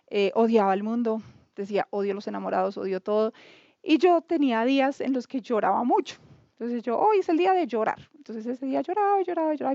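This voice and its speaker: Bogota colombian woman, high pitched, chatty and candid, does little voices for the people she quotes, dry muffled sound. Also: darkish tone, no echo. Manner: candid, chatty, self-mocking, acts out quoted dialogue. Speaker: testimony speaker. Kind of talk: casual spoken testimony.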